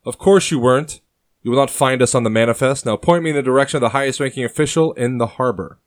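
A man's voice: mid-range voice, normal speed, dry recording, voice pushed up, lightly acted. A man voicing a fierce, smug middle-aged major general who barks orders at his soldiers. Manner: commanding, barking orders.

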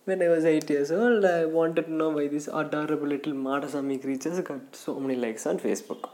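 A man with an Indian English accent telling comic stories on his vlog, animated and acting out voices. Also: fairly high pitch, brisk. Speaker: comedy vlogger. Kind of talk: storytelling stand-up monologue.

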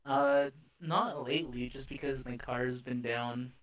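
Young man, casual podcast storyteller, animated, laughs a lot, swears. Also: mid-range voice, unhurried, highs cut off. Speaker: podcast co-host.

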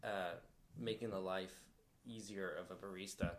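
A laid-back man in casual podcast banter, thinking out loud as he talks. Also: sits low, steady tone, moderate pace.

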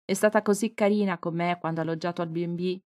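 A woman's voice: fairly low pitch, fairly even intonation, fast, a little mellow, natural voice. A woman reading the lines of a timid, hesitant young woman chocolatier in her twenties, in an audiobook.

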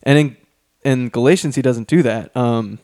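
A man's voice: medium pitch, normal speed, a little mellow, no room sound, studio quality. A man co-hosting a casual podcast, reading Bible passages aloud between many ums and restarts, a little out of breath. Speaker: podcast co-host.

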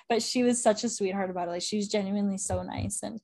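A woman's voice: medium pitch, fairly quick, vocal fry, background noise. Chatty young Canadian-raised woman. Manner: chatty, enthusiastic, frequent "like" and laughs. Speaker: guest, women's football correspondent. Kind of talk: casual interview chat.

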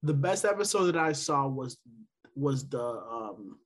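A man in a mid-range voice co-hosts a podcast, very animated but speaking a little slowly. The talk is a casual, rambling chat packed with filler words and restarts.

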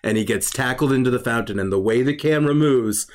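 A man's voice: medium pitch, quick pace. A man hosting a casual podcast chat, loose and jokey, laughing often. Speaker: podcast host.

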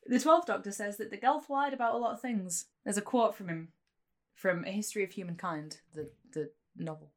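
A woman's voice: medium pitch, brisk. Playful woman co-hosting a chatty podcast. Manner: jokey, playful. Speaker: podcast co-host. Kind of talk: casual chat and trivia about a TV series.

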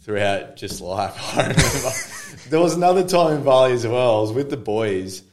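A man's voice: medium pitch, lively intonation, normal speed, noisy background. An Australian man in his thirties, a podcast guest speaking openly and telling stories in casual conversation, laughing easily. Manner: open, storytelling, laughs easily.

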